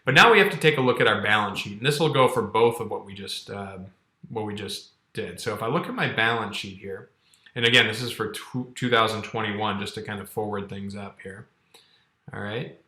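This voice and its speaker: A man in his thirties, lowish-voiced, brisk, bright, and forceful, leads a casual accounting tutorial over screen share. He explains things conversationally step by step, often checking in with "okay" and "all right," and the room around him echoes.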